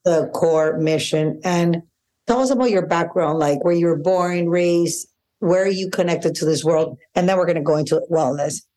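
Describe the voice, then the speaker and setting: A woman's voice: fairly low pitch, moderate pace, warm tone. A woman hosting a podcast, asking long, rambling questions with enthusiasm. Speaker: podcast host. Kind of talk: casual interview conversation.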